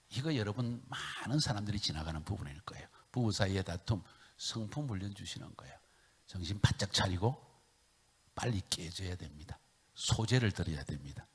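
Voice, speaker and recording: A middle-aged man preaching a sermon as a missionary, swinging from hushed whispers to loud calls, having the congregation repeat lines, and acting out his own tearful prayers. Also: lowish voice, breathy edge.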